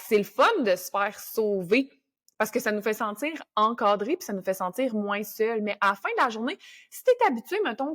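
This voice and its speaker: A young woman with a Québécois French accent hosting a motivational podcast, talking casually and coaching listeners with English words mixed in. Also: mid-range voice. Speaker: podcast host.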